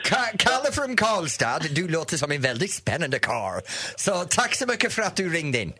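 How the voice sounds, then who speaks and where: Lively English-accented male radio host. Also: a little high, slightly rough. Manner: playful, laughs often, broken Swedish. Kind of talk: casual radio chat.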